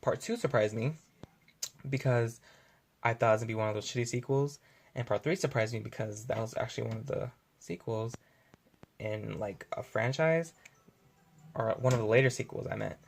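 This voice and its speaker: A man's voice: mid-range voice, moderate pace, gravelly, pauses often. A young man talking casually to camera in a home video, rambling with lots of fillers and restarts as he corrects himself. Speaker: vlogger. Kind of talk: casual unscripted video review.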